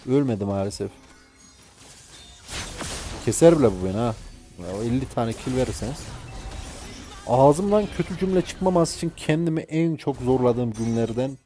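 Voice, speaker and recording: A man's voice: medium pitch, mellow. A man giving gameplay commentary while playing a mobile game, exasperated and ranting at his teammates.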